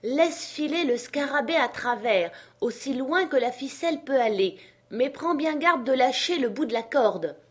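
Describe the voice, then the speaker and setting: Woman doing a bossy feverish gentleman, loud and pushy, storybook voice. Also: sits high, expressive, moderate pace, pitched above the performer's own voice. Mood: commanding. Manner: urgent, commanding. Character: feverish gentleman, commanding and impatient.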